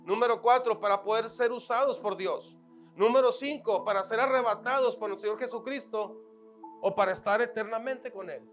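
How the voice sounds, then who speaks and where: Pastor guy preaching, pretty high voice, loud then hushed, faint music behind. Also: normal speed. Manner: preaching, swings between loud emphatic and soft quiet passages; counts points one by one and repeats phrases for emphasis. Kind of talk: sermon.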